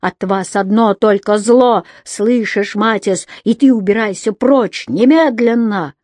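A woman's voice: mid-range voice, normal speed, dry recording, clean studio sound, close to an everyday voice. A woman reading a storybook, voicing a fearless robber's wife who orders everyone out in a firm, commanding way. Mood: angry command.

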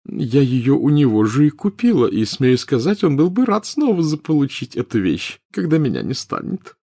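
A man's voice: medium pitch, sing-song, normal speed, mellow, no room sound, studio quality, pitched above the performer's own voice. A male audiobook reader voicing a silly, doting old witch who gushes over her treasures in fussy exclamations. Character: silly gushing rich old witch woman. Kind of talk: audiobook character voice.

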